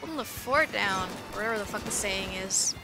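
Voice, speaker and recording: Speaking briskly at a medium pitch, a young VTuber chats loosely with her viewers while she eats and plays, swearing freely. It's a streamer-mic recording with game music in the background.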